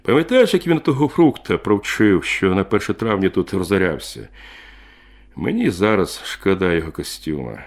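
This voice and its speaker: A man voicing a bitter, hard-drinking miner of thirty who talks gruffly and heatedly. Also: low-pitched, big pitch swings, normal speed. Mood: wistful. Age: 30s.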